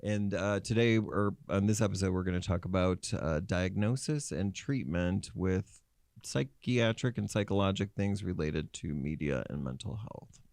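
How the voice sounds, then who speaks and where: A man, co-hosting a mental health podcast in an animated, chatty way and laughing easily. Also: low-pitched, normal speed, vocal fry, no room sound, studio quality. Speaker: podcast co-host, psychiatric nurse practitioner. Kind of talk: casual podcast chat.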